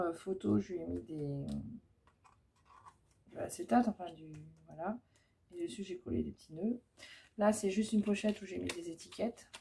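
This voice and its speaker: A scrapbooking vlogger casually shows off her crafts in a show-and-tell chat, hesitant and full of fillers. Her voice is mid-range, creaky and dark in tone.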